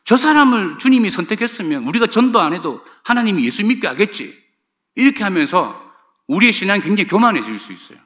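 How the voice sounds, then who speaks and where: A man's voice: high-pitched, very animated, fast talker, a bit bright. A middle-aged male pastor preaching a sermon, speaking emphatically and addressing the congregation directly. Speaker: senior pastor.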